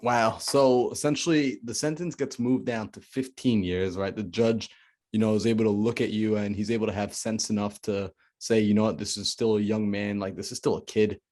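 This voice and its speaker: A man's voice: fairly low pitch, fairly even intonation, moderate pace, darkish tone. A man hosting an interview as a mindset coach, recapping his guest's story and checking in with "right?". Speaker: podcast host, mindset coach. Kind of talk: interview questions.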